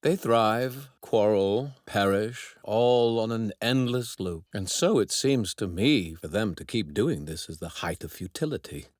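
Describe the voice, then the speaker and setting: Zamasu, a haughty, husky, low-voiced young god. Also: male voice, lively intonation, unhurried, hardly any pauses, no echo. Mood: grave disdain. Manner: formal, pompous, precise diction. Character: haughty young divine apprentice, coldly contemptuous of mortals. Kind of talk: English anime dub acting.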